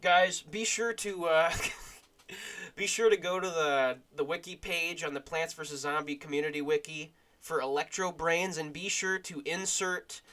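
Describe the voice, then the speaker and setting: Bright goofy gaming streamer, man. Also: fairly high pitch, steady tone, measured pace. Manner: goofy, rambling, bursts of shouting. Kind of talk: casual gaming commentary.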